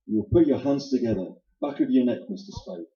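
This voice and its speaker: A man's voice: medium pitch, fairly quick, natural voice. A man voicing a polite but menacing foreign dealer in a 1940s-style radio play, speaking with formal, oily courtesy. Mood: coolly threatening. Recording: roomy, dull lo-fi recording.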